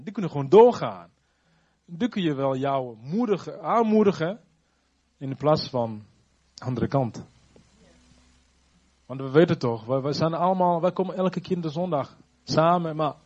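A man with a husky, slightly breathy voice tells a personal faith testimony in an earnest, reflective way. He speaks haltingly, restarting sentences as he searches for words. The recording sounds dull and muffled. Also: on the high side. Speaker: churchgoer giving a testimony.

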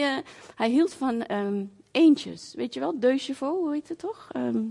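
Animated woman preaching through a story. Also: fairly high pitch. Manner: storytelling, animated, acts out voices and sounds; frequent fillers, conversational. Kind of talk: sermon with personal story.

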